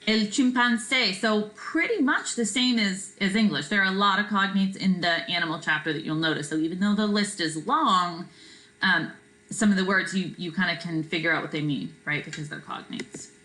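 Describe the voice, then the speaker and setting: A woman teaching a Spanish vocabulary lesson in a relaxed, chatty way, often checking in with "right?" and filling pauses with "um.". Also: medium pitch, rough recording. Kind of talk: recorded classroom vocabulary lesson.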